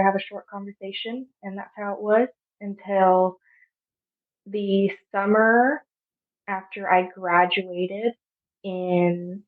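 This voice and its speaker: Young woman, 20s, from Arizona, soft halting storyteller, narrow phone-like audio. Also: mid-range voice. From Arizona, USA. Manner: soft, halting, with frequent pauses. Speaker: podcast guest. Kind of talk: personal storytelling.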